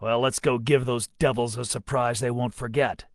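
A man's voice: medium pitch, steady tone, moderate pace, no echo, lightly acted. A man voicing a vengeful sword-bearing warrior who speaks in grim, snarling threats.

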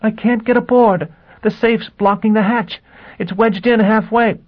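A man voicing a desperate young woman in space, pleading in a high, strained voice. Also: fairly even intonation, brisk, husky, muffled recording. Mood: despairing.

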